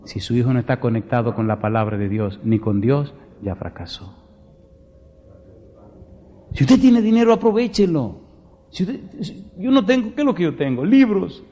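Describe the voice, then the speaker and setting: A man's voice: medium pitch, dark tone, big-room sound, highs cut off. A male pastor preaching a Bible study sermon, emphatic, firing rhetorical questions at his congregation and telling folksy stories from home. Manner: folksy storytelling asides.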